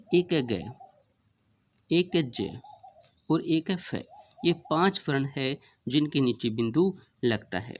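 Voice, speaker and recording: Gravelly man teaching a grammar lesson. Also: on the high side, slight background noise. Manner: asks questions and answers them himself; counts out and lists letters one by one. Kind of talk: classroom revision lesson.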